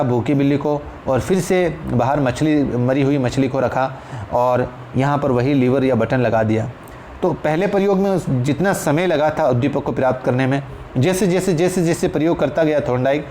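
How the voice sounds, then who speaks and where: With a fairly high but dark-toned voice at normal speed, a man with an Indian accent delivers an exam-prep lecture. He explains things carefully, repeats phrases for emphasis, and calls his listeners friends, and the background noise is clearly audible.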